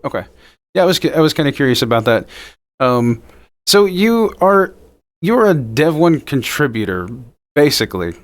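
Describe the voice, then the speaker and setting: A man's voice: fairly high pitch, very animated, moderate pace, long pauses. A man hosting a podcast interview, asking curious follow-up questions in a casual tone. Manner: curious, asks follow-up questions, laughs easily. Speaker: podcast host.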